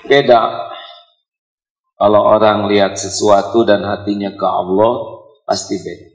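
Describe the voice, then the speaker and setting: A man's voice: fairly low pitch, steady tone, a little slow. A middle-aged man preaches in an echoey hall before a live audience. He mixes humble prayer with humor, teases listeners, and acts out little quarrels in other voices. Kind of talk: sermon.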